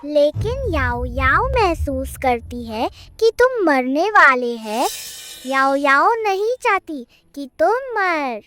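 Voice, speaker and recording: A tiny three-year-old girl, very high and slow. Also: big pitch swings, pushed and bright, heavily acted. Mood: worried. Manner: childlike, speaks of herself by name.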